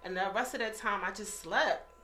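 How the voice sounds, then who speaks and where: A woman in her thirties, telling her own story in a casual interview, candid and animated, often acting out what others said. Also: mid-range voice, moderate pace, soft background music. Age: 30s. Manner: candid, animated, acts out quoted voices. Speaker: guest.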